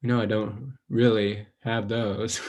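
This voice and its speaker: An actor playing an anxious, self-conscious young man who rambles, stalls and trails off into quiet self-doubt in a stage play. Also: lowish voice, little pitch movement, measured pace, close to an everyday voice. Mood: rambling, ashamed.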